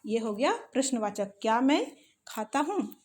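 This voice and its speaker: A woman teaching English grammar in a patient lesson, spelling out example sentences slowly word by word. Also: fairly high pitch, big pitch swings, darkish tone. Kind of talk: slow explanatory lesson.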